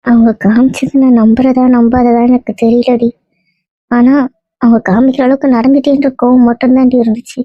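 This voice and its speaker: A woman's voice: a little high, dry recording, close to an everyday voice. A woman playing a grieving mother who pleads with her injured daughter in a tearful monologue. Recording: dull dry lo-fi recording.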